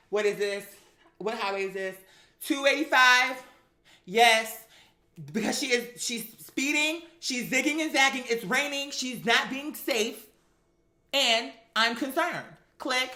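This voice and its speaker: A woman on the high side, with a bright and forceful tone, hosts an online talk show. Her casual gossip commentary and storytelling come across as sassy, profane, dramatic and emphatic.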